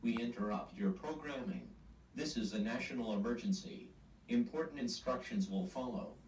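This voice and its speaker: A computer-processed male voice reading an emergency broadcast alert in a flat, scripted way, played from a television in a home. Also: medium pitch, normal speed, recorded from a distance, a little hiss or hum. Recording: echoey TV speaker heard from across the room.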